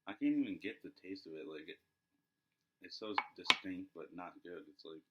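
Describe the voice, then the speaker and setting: A man's voice: low-pitched, lively intonation, normal speed. A man in his twenties casually reviewing in conversation, speech slightly muffled by a lip full of dip. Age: 20s. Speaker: product reviewer. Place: small living room, indoors. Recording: dull sound with clear background noise.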